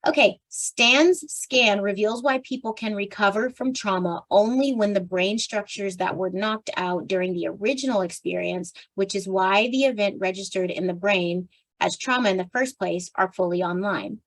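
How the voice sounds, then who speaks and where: A tired, slightly strained woman reading a nonfiction book aloud for a book club, now and then clearing her throat and restarting a stumbled phrase. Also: mid-range voice, normal speed, rough recording. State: tired, voice strained from much talking.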